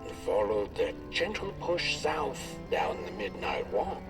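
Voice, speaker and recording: A man narrating a fairy-tale story for a game in an expressive storybook style. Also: medium pitch, unhurried. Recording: distant voice with music behind.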